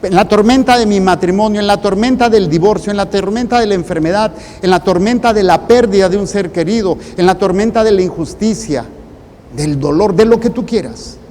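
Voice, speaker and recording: Male priest, Mexican accent, mellow tone, deliberate phrasing, long reverb and faint noise. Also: sits high. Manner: deliberate, in short broken phrases with pauses. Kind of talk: preaching a sermon.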